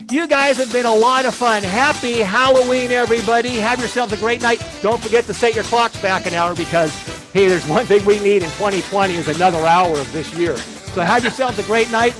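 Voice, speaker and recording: A high-pitched male magician delivering stage patter. He repeats phrases to build things up step by step, with faint music behind. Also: moderate pace. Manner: repetitive step-by-step build-up to a reveal. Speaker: performing magician.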